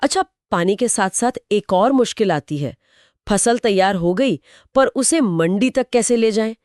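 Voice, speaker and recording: A woman's voice: mid-range voice, animated, a little slow, darkish tone, no room sound, clean studio sound. A woman co-hosting a scripted explainer chat, asking curious, prompting questions. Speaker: co-host.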